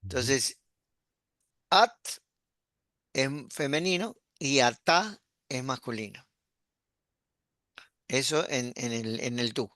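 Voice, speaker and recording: A man, a pastor teaching an online class, explaining patiently and repeating words slowly. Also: mid-range voice, bright, forceful tone, dry recording, studio quality.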